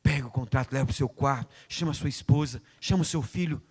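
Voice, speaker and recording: A man's voice: medium pitch, fast talker, a little mellow, slightly rough. A man preaching a sermon, acting out prayers and God's replies and calling on listeners by name. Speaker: pastor. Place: church hall. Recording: long reverb of a church hall.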